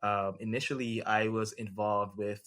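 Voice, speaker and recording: A man from Jamaica, a lawyer and podcast guest, talking in a relaxed way with plenty of fillers. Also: fairly low pitch, normal speed. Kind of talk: casual interview talk.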